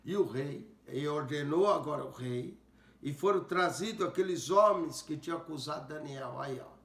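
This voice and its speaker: A male pastor teaching a Bible passage, speaking deliberately and repeating verses to comment on them. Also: on the high side, fairly bright tone. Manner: slow, deliberate, rereads verses aloud and comments. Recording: roomy echo.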